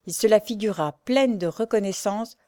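A woman reading a classic adventure story aloud in a measured narration. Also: mid-range voice, darkish tone, no room sound, clean studio sound.

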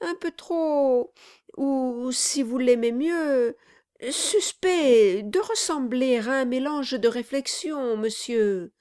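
A woman's voice: sits high, takes it slowly, a little mellow, clean tone, pitched above the performer's own voice. A woman doing a fawning, timid male lawyer. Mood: nervous. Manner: fawning, hesitant, deferential "monsieur".

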